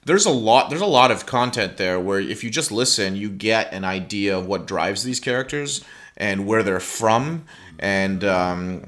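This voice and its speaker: A man's voice: on the low side, expressive, a little slow, fairly bright tone. A man in casual gaming chat, talking enthusiastically and rambling with restarts.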